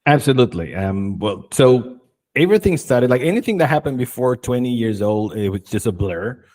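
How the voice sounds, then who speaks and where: Male guest, 40s, from Chile; mid-pitched, upbeat, loose conversational delivery. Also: big pitch swings, normal speed, a little mellow. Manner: enthusiastic, storytelling, frequent fillers. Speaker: guest, marketing and video expert. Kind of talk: casual interview chat.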